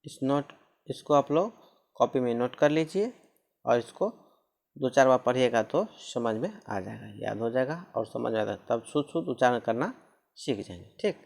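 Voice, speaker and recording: A man's voice: medium pitch, expressive, normal speed, creaky, darkish tone. A man teaching a lesson on pronunciation rules, repeating each rule and spelling out words letter by letter.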